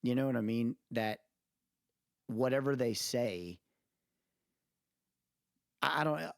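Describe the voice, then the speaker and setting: A male podcast co-host rambles through casual, opinionated chat, speaking emphatically and often checking in with "you know what I mean." His medium-pitched, mid-range voice is slow and smooth, with vocal fry and a wandering delivery. A close mic on a remote podcast call gives a very dry sound with no echo.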